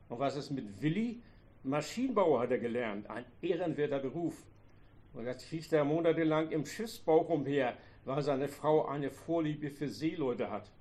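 A man's voice: on the high side, close to an everyday voice. A man reading as a bitter old farmer. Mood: reproachful. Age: older. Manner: loud, reproachful, sarcastic.

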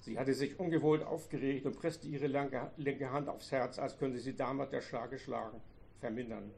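A man reading a novel aloud in a calm, measured way. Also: mid-range voice, creaky, slight background noise.

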